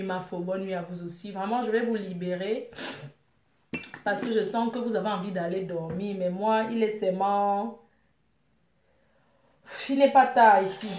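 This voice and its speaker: A woman's voice: mid-range voice, darkish tone, reverberant. A woman live streaming, reading out viewer comments and scolding her viewers in a rambling, teasing way. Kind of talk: casual live stream chat.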